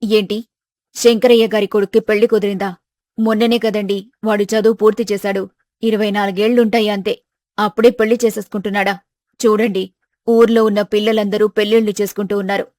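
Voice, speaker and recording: A woman playing a determined middle-aged mother in a storybook tale, in her own mid-pitched voice. She is insistent and scolding, and the recording is dry and close. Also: level tone, fairly quick, a little mellow, no room sound, natural voice. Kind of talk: storybook voice acting.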